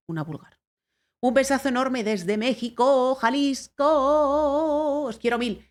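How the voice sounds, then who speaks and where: A woman's voice: lowish voice, darkish tone. A woman from Spain with a Spanish accent, hosting a reaction video in chatty, emphatic casual talk full of fillers. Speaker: reaction channel host. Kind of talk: casual chat.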